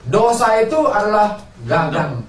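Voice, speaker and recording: Picked up from a distance in a roomy space with faint ambience, a preacher asks his congregation questions and supplies the answers himself. His voice is high and expressive, and he speaks a little slowly.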